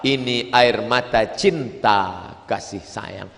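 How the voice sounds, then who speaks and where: Bright-voiced man preaching in a hall. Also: fairly low pitch, slow, vocal fry. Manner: animated storytelling, sings verses. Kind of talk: humorous sermon. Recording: long hall reverb.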